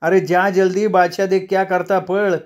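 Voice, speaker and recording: A man's voice: sits high, flat delivery, moderate pace, pitched above the performer's own voice, lightly acted. A man doing a harsh scolding slum woman. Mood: urgent. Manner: shouting, scolding.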